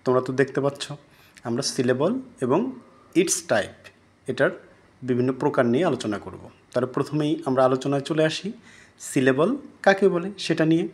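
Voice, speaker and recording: A man's voice: medium pitch, a little mellow. A man teaching a recorded grammar lesson, who keeps asking his students questions and then answers them himself.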